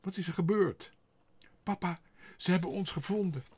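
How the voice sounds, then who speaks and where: A man voicing an anxious, pleading young girl in a read-aloud storybook, breathy and stammering. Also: a little high, lively intonation, moderate pace, pitched above the performer's own voice. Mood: frantic. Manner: urgent, stammering. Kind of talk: storybook reading.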